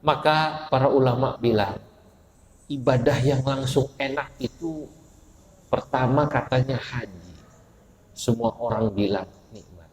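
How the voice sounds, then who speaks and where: A man's voice: mid-range voice, measured pace, long pauses. Joking male preacher in an echoey mosque. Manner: lively, joking, asks the audience questions. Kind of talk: sermon.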